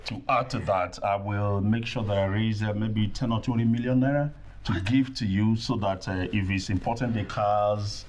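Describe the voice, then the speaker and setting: An actor playing a wealthy, generous suitor with a Nigerian accent, measured and boastful with halting fillers. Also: male voice, fairly low pitch, steady tone, lightly acted. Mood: magnanimous. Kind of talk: film acting.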